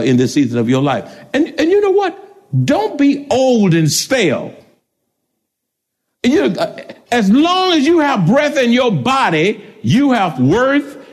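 A man pastor preaching a sermon, shouting out prayers, laughing between lines, speaking. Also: fairly high pitch.

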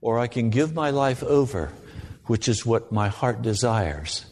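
A man preaching a sermon, gravely warning of judgment and urging listeners on with deliberate repetition and pointed questions. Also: mid-range voice, lively intonation, darkish tone, a little hiss or hum. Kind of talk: sermon to a congregation. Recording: long hall reverb.

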